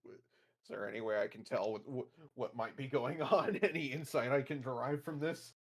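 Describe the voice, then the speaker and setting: A man's voice: mid-range voice, normal speed, slightly rough. A man playing a tabletop game, improvising his character's actions in a hesitant, stammering way as he searches for words. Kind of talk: improvised tabletop role-play.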